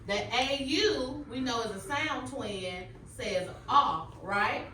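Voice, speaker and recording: A woman elementary school teacher leading a phonics lesson in a classroom with quiet, calm authority, firm and instructive. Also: on the high side, takes it slowly. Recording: distant mic, echoey room, faint noise.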